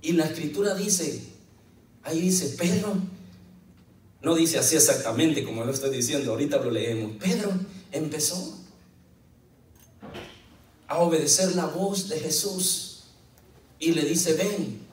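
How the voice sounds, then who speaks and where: A man preaching a lively sermon as pastor, telling the story and quoting scripture with jokes along the way. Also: a little high, a little slow, pauses often. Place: church hall. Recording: echoey church, mic at a distance.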